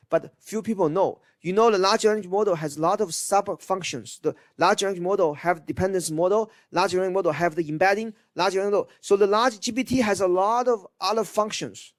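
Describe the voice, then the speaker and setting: A university lecturer with a high voice speaks informally over slides in a dry recording. English is not his first language, and he repeats himself and checks in with his listeners.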